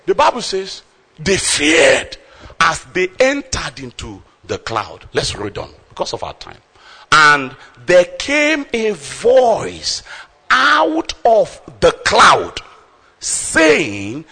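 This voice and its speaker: A man's voice: medium pitch, pushed and bright, slightly rough. A man preaching a sermon, explaining scripture verse by verse and calling out emphatically to his congregation.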